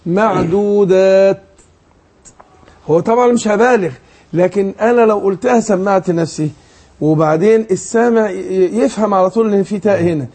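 Man, Egyptian accent, tajweed teacher, high but dark voice, patient questioning, slow demonstrations. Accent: Egyptian Arabic. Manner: explains patiently, asks leading questions, demonstrates slow recitation. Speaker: Quran recitation teacher. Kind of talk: tajweed lesson.

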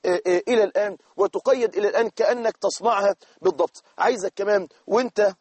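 A man's voice: high-pitched, racing, a little mellow, dry recording. A man with an Egyptian accent preaching a sermon, earnestly urging the listener. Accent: Egyptian Arabic. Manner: earnest, exhorting, addresses listener directly.

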